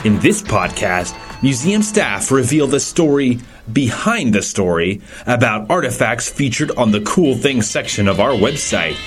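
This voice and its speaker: Casting: male podcast host, mid-pitched, presenting and interviewing for a museum show. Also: very animated, measured pace, soft background music. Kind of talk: scripted intro and casual interview.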